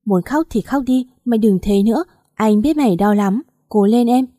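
A woman voicing a kind, protective young male doctor who speaks gently, in a spoken story. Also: a little high, moderate pace, dry recording, clean studio sound, natural voice. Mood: gentle. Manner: gentle, caring.

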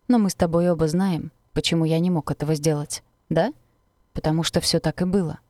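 A woman's voice: low-pitched, steady tone, a little fast, dark tone, no room sound, clean studio sound, close to an everyday voice. A woman reading the part of a bitter teenage boy in an audiobook who taunts and blames the girl he speaks to. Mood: taunting. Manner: taunting, venomous.

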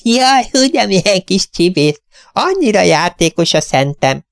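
A tiny, bubbly old lady in an audiobook story, fussing over her beloved cat in a high, sing-song falsetto, as a male reader puts her on. Her voice swoops up and down, and it sounds dry and close to the mic. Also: big pitch swings, gravelly, no echo, exaggerated voice. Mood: delighted. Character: cheerful tiny elderly lady, doting cat owner.

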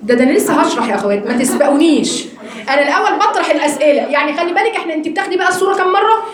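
Fast, high-voiced Egyptian woman teaching. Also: roomy sound, a crowd in the background. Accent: Egyptian Arabic. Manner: lively teacher asking the class questions. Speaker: Quran study teacher. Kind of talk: religious lesson to a women's class.

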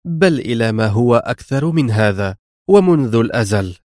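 A man voicing a proud, sharp-tongued woman who heads a crime family, speaking sternly and mockingly in an audiobook reading. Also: on the low side, a little fast, no echo, studio quality, close to an everyday voice.

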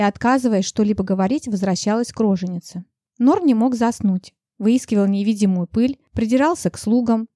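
Mellow, higher-pitched woman narrating. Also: no room sound, studio quality. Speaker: audiobook narrator. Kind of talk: first-person audiobook narration.

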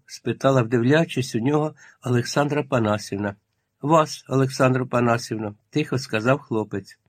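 A man narrating a literary audiobook in a calm, measured storytelling manner, with a husky voice. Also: medium pitch, no echo, studio quality.

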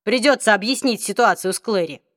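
A woman's voice: mid-range voice, brisk, fairly bright tone, dry recording, studio quality, lightly acted. A woman voicing a tense young man, speaking with urgency in an audiobook reading. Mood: urgent.

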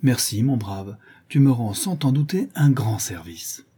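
A man voicing a composed nobleman in disguise who speaks calmly and with authority. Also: medium pitch, measured pace, slightly rough.

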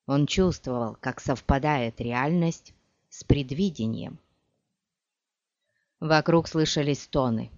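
Slow, measured audiobook narrator. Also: mid-range voice, no echo. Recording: dull lo-fi dry audiobook recording.

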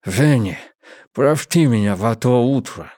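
A man's voice: medium pitch, expressive, measured pace, warm tone, no echo, clean studio sound. A man voicing a timid giant in an audiobook, with slurred, mangled speech. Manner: slurred, mangled words, pleading.

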